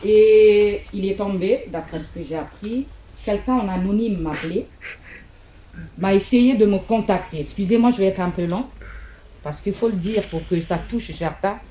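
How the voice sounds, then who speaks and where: A woman giving an emotional spoken testimony at a memorial gathering, halting and searching for her words. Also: mid-range voice, dark tone, a little hiss or hum. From Central Africa.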